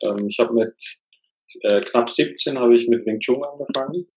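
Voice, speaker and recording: A man in his thirties from Germany, living in Switzerland since age twelve, speaks as an interview guest, reflective and relaxed with some fillers. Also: mid-range voice, normal speed, highs cut off, a little hiss or hum. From Germany, then Switzerland from age twelve. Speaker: coach and author.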